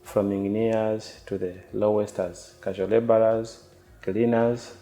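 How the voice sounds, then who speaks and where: A man project official speaking formally and in a measured way in a documentary interview. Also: on the low side, little pitch movement, mellow.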